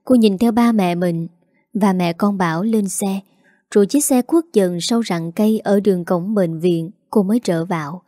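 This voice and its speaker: A woman narrating an audio story in an even, measured way. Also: mid-range voice, no echo, studio quality.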